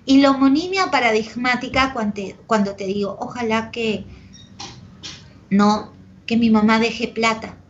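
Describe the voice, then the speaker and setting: A woman's voice: fairly high pitch, measured pace, a little hiss or hum. A woman teacher with a Peruvian Spanish accent giving an online language class, explaining with examples and checking in with "¿ok?" and "¿de acuerdo?", affectionate with her students. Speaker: pre-university language teacher. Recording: dull lo-fi audio.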